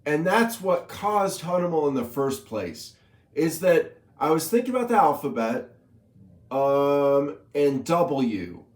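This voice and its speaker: A man's voice: a little high, a little mellow, reverberant. A man casually explaining a number system he invented, in a playful, teasing way, reciting long lists of coined number words.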